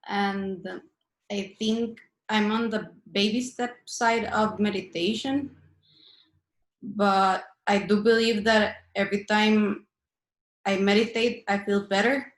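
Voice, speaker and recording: Woman from Costa Rica, slow modest intro, echoey room. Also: mid-range voice, fairly even intonation. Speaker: workshop participant. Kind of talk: casual introduction.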